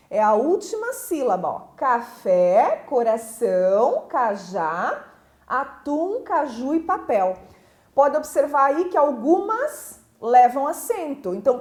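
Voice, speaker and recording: A woman teacher with a Brazilian Portuguese accent and a high voice gives a recorded school lesson in an echoey room. She explains things step by step and checks in with questions often.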